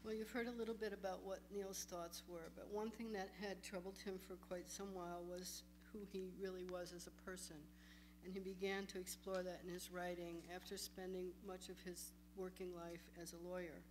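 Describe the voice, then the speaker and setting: A woman with a lowish, even voice introduces an essay and then reads it aloud in a plain, conversational manner. A steady hum runs clearly beneath her. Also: moderate pace. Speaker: reader at a memorial event. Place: lecture hall.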